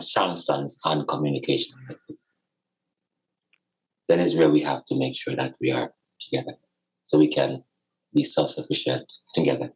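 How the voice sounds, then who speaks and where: A podcast guest on spirituality and community reflects casually on life, earnest and emphatic, repeating phrases to drive points home. His voice rumbles low, and the recording quality is poor.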